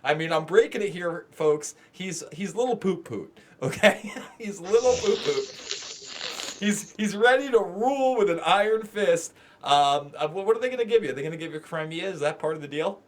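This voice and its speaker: A male co-host with a slightly higher pitch than most men talks on a casual live stream. He jokes and teases, and laughter often breaks into his lines. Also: animated, normal speed, slight background noise. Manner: joking, teasing, laughs often.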